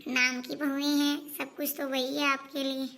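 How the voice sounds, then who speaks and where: A woman playing a jealous, sharp-tongued elder daughter-in-law, sulky and sarcastic. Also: high voice, little pitch movement, moderate pace, gravelly, full character voice. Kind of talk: homemade family skit.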